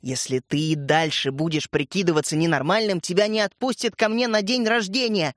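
A man's voice: high-pitched, brisk, no echo, clean studio sound, close to an everyday voice. A man voicing a bossy, suspicious young schoolgirl in a children's story.

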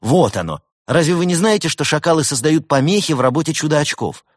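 Male narrator voicing a bright, eager young helpdesk man; raised voice, animated delivery, storybook. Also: mid-range voice, a little fast, breathy edge, no echo, studio quality, pitched above the performer's own voice. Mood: cheerful, eager. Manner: chirpy, eager, bright helpful phone manner. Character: young cheerful male tech-support worker. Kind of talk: audiobook character voice.

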